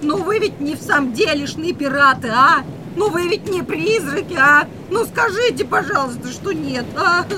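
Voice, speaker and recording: A woman playing an excitable, superstitious, folksy chatterbox who boasts but scares easily, exclaiming fussily in a children's audio drama. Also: high-pitched, normal speed, hardly any pauses, noisy background. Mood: frightened. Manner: colloquial, exclaiming, fussy.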